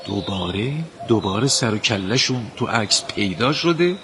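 A man's voice: on the low side, animated, close to an everyday voice. A man voicing a cunning, jittery fox vizier who mutters and whispers his plans. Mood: worried. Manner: hushed, hissing asides. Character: sly, nervous fox vizier scheming in whispers.

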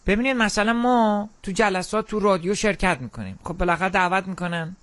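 A young man giving an animated, opinionated monologue, emphatic and full of quoted asides. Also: high voice. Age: young adult. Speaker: commentator who has attended radio meetings.

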